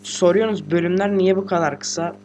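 A teenage boy, a gaming host, giving casual let's-play commentary while sick and talking quietly, chatty, slangy and joking with swearing. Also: sits high, fairly even intonation, brisk, slight background noise. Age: teens. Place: room at home with a computer.

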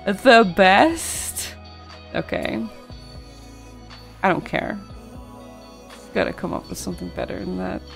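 A woman's voice: fairly low pitch, fairly even intonation, a little slow, gravelly, long pauses, soft background music. A woman streamer chatting casually with her viewers, reacting to chat with frequent laughter and yawning from tiredness.

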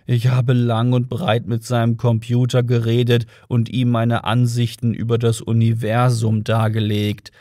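A man's voice: medium pitch, no echo, clean studio sound, natural voice. Man doing Marvin, a droning gloomy robot. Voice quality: slow dull monotone drone.

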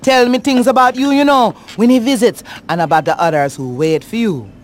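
A woman's voice: on the high side, lightly acted. Woman playing a sly old voodoo auntie. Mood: eerie welcome. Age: older. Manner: drawn-out, crooning, cryptic delivery. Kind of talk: video game cutscene acting.

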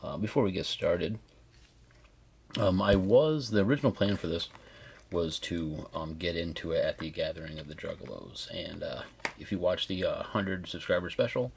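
A man's voice: low voice, normal speed, gravelly, slight background noise. A man giving a casual hands-on product review in an informal, chatty, exclamatory way.

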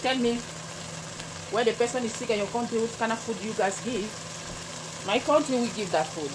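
Chatty woman cooking over loud sizzle. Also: on the high side, moderate pace, noisy background. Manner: chatty, talks to viewers as "guys", non-native English. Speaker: home cooking channel host. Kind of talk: casual cooking narration. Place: home kitchen at the stove. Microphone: camera pointed at the pot, speaker off-screen. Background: loud sizzling and frying.

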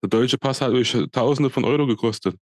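A man's voice: mid-range voice, fairly quick, darkish tone, no echo. A man in his thirties from Speyer with a Palatinate accent, co-hosting a podcast in casual, blunt, colloquial chat from a home room on a studio mic. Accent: Palatinate German. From Speyer, Germany. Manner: blunt, colloquial, many fillers and restarts. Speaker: podcast co-host. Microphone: studio mic on arm, video call.

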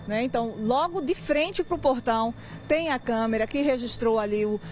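A woman's voice: fairly high pitch, moderate pace, darkish tone, a little hiss or hum. A young woman gives an unscripted live news report as a field reporter on a handheld microphone. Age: young adult. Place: outdoors at night and open residential garage. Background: music.

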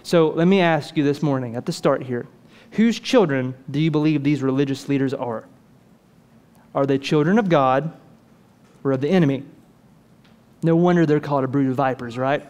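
A man preaching a sermon in a lively, conversational way, full of rhetorical questions to the congregation. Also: medium pitch, normal speed, long pauses. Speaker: pastor.

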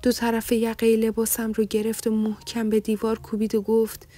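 A woman narrating a novel in the first person, in a soft delivery that often drops to a breathy half-whisper. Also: on the high side, monotone. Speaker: audiobook narrator.

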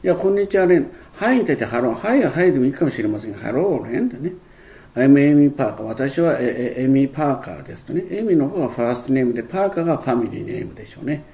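A man's voice: mid-range voice, animated, very fast, few pauses, warm tone. A man explaining an English textbook lesson in a rambling way, with many fillers and restarts. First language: Japanese. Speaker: English teacher.

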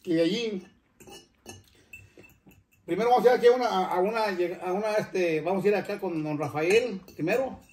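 Older man, high-pitched, rambling casual chat, echoey room. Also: normal speed, long pauses, a little mellow. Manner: chatty, rambling, stops and restarts his words often. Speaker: cooking channel host.

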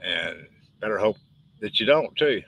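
Older guy w a west texas twang, folksy rambly livestream chat, kinda low voice with a sharp bright edge. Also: animated, measured pace, creaky, husky. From West Texas, United States. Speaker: author. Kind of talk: casual live-stream chat about own books.

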